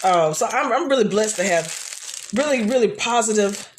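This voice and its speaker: Loud, laughing woman chatting live. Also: mid-range voice, moderate pace, a little hiss or hum. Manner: chatty and animated, frequent restarts. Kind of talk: casual live chat.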